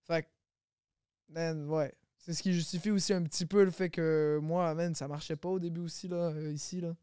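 A man guesting on a podcast as a rapper, with a fairly high voice that sounds smooth and crisp. The mic is close and dry. He thinks out loud, gets animated and laughs easily. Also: moderate pace, dry recording. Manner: reflective and animated, laughs often. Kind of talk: casual podcast conversation.

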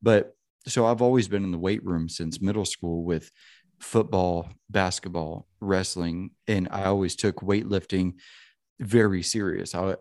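A man's voice: low voice, a little mellow, dry recording, clean studio sound. A man around thirty hosting a casual podcast chat, rambling and profane, leaning on "you know what I mean.". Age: 30s.

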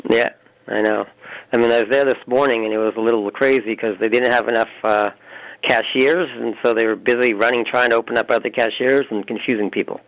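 A man's voice: medium pitch, fairly even intonation, fairly quick, dry recording, low-quality recording. Easygoing man phoning in as a caller. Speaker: radio show caller. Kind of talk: casual chat.

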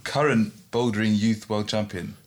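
Male podcast co-host, gravelly and lowish, loose conversational delivery that circles back on itself. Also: steady tone, normal speed. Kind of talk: casual chat.

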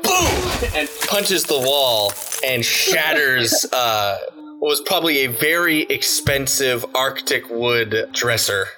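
A man's voice: medium pitch, lively intonation, takes it slowly, over music. A man narrating a tabletop game as game master, rambling with many fillers.

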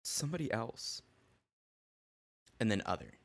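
Man, fairly low voice, rambling podcast chat, hiccups. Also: sing-song, measured pace, creaky. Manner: rambling, restarts often. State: has the hiccups. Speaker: podcast co-host. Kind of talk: casual chat.

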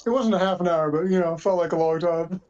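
A woman's voice: on the low side, fast, a little mellow. A woman who plays airsoft, chatting casually on a podcast and telling stories in a self-deprecating way. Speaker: airsoft player. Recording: dull lo-fi audio.

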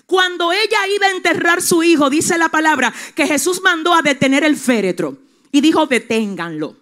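A woman pastor preaches with a high, bright voice that swings between near-whispers and full shouts. She speaks straight to the congregation, urging them to listen. The delivery is fervent and stirring throughout. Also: lively intonation, fairly quick. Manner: impassioned, swings from hushed to shouting; calls out to the congregation directly.

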